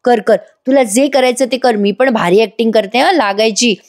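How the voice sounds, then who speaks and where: A woman's voice: a little high, normal speed, darkish tone, natural voice. A woman voicing a cheeky young daughter who joins her mother's scheme.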